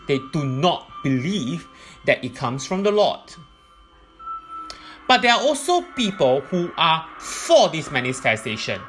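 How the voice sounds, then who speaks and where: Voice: mid-range voice, very animated, a little slow, fairly bright tone, soft background music. A presenter giving explanatory religious teaching in a methodical, point-by-point way.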